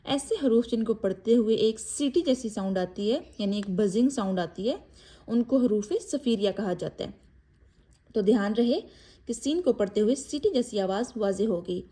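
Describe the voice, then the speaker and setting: A woman teaching a step-by-step Quran reading lesson, explaining each letter briefly and then reciting it with long drawn-out vowels, mixing English words into her explanations. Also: mid-range voice, mellow, husky.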